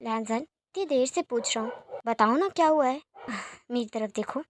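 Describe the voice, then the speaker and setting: A woman voicing a young man who gently soothes and comforts his beloved in an audio story. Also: fairly high pitch, animated, normal speed, no room sound, clean studio sound, natural voice. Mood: tender. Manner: soft, soothing, affectionate.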